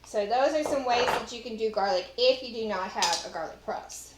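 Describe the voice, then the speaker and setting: In an echoey home kitchen full of clattering dishes, a middle-aged woman with a Texan accent hosts a casual cooking demonstration, chatting to viewers as she works. She speaks a little high at normal speed. Recorded on a far camera, the audio is very noisy.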